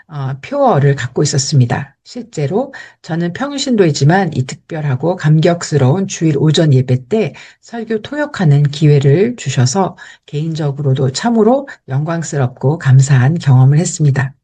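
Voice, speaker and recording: A woman who interprets sermons, calmly and carefully explaining how she prepared for interpreting a church service. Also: sits low, breathy edge. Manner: measured and careful, even explaining. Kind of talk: explanatory talk.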